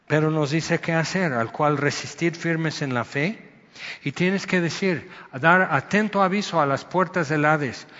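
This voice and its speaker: A man's voice: fairly high pitch, fairly bright tone. Preacher man in a reverberant hall. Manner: conversational, storytelling with sudden emphatic outbursts. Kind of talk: sermon. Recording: dull sound with long hall reverb.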